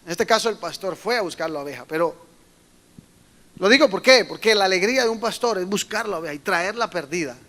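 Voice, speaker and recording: A middle-aged pastor from Colombia preaches a sermon at a youth meeting, telling animated stories, acting out quoted voices and breaking into emphatic bursts. His voice sits high and he talks fairly quickly.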